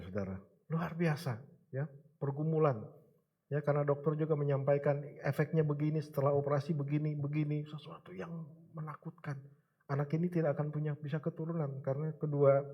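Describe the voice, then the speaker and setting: A middle-aged man from Indonesia preaching a sermon with a personal testimony, emphatic with the congregation and soft when recounting hardship. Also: a little high, highs cut off. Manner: emphatic, calls out to the congregation, then soft and halting while telling of hardship. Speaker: church elder preaching.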